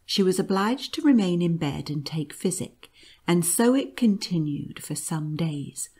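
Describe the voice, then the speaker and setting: A woman's voice: lowish voice, animated, measured pace, darkish tone, husky. A woman reading a classic storybook aloud, giving the quoted lines more expression. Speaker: storybook reader. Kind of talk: read-aloud storybook narration.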